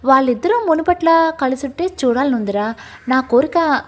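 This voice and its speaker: A woman voicing a worried older father who questions his daughter gently. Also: sits high, expressive, normal speed. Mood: questioning.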